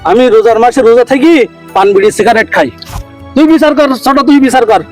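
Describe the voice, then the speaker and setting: A man putting on a shouting half-deaf villager. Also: extremely high pitch, lively intonation, quick pace, faint music behind. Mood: offended shouting. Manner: loud, shouting, takes offence. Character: hard-of-hearing hot-tempered male villager.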